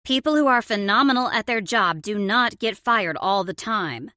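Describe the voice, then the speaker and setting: Woman doing a steely calm boss, forties, measured, firm, dry audiobook sound. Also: medium pitch, no echo. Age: 40s.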